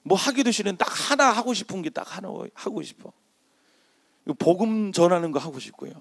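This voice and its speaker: Gravelly middle-aged man preaching. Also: high voice, a little fast. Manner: animated preaching that swings from quiet storytelling to loud shouted calls. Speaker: pastor. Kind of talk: sermon. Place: church sanctuary.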